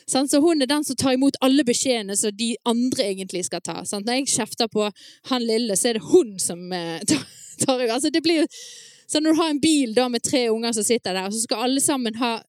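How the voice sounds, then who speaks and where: A woman speaking to parents at an evening event, telling stories in a lively, chatty way with frequent laughs. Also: fairly high pitch, dry recording, studio quality. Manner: many fillers and restarts, asks the audience "sant?". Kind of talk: live talk to an audience.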